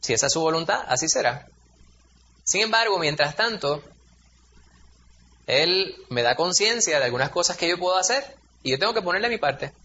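A man's voice: high voice, lively intonation, moderate pace, pauses often, bright, forceful tone, dull audio, slight background noise. A man, preaching a sermon in a conversational, storytelling way, acting out quotes in a raised voice. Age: 40s.

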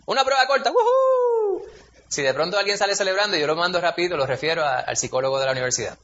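Male preacher, 40s; chatty storytelling sermon, bright slightly high voice. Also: very fast, lo-fi sound, a little hiss or hum. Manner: conversational, storytelling, acts out quotes in raised voice.

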